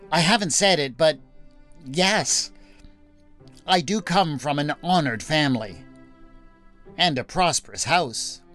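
A man's voice: fairly high pitch, fairly bright tone, dry recording. Man voicing a nervous stammering young lover. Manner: stammering, halting.

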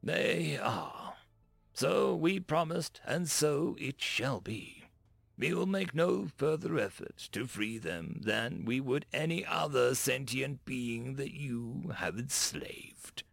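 A man voicing a calm, dignified human male ambassador in a read-aloud sci-fi story, speaking in measured, deliberate phrases. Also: mid-range voice, gravelly, slightly rough, no room sound, exaggerated voice.

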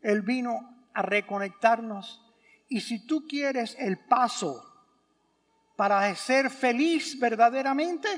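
A man, a priest giving a sermon at Mass, who asks rhetorical questions and repeats words for emphasis. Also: sits high. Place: church. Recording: church with long reverb.

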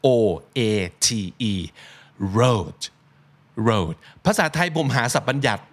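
A man's voice: mid-range voice, very animated, very slow, a bit bright, slightly rough. A man hosting a casual vocabulary podcast, explaining words in a chatty way and spelling them out letter by letter. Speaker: podcast host.

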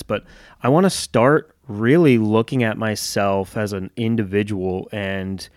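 A man's voice: on the low side, clear, resonant tone, no echo, clean studio sound. A man hosting a solo podcast, talking candidly and reflectively, joking and swearing now and then. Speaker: podcast host and gym owner. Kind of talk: solo casual podcast monologue.

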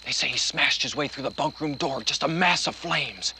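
An actor playing a man telling a campfire horror story to kids, hushing to a whisper and then building to shouts. Film audio with background noise. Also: medium pitch, normal speed, low-quality recording. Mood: rising frantic.

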